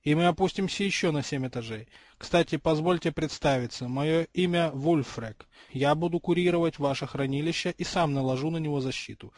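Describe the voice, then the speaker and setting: Guy doing a sardonic goblin bank clerk, formal and polite, slightly high voice. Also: brisk, no room sound, studio quality, lightly acted. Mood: courteous. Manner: polite, businesslike.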